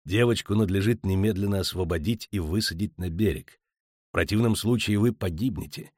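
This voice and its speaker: A man voicing a calm, hardened monster hunter with a dry, sardonic manner. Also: low-pitched, a little fast, dry recording. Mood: stern.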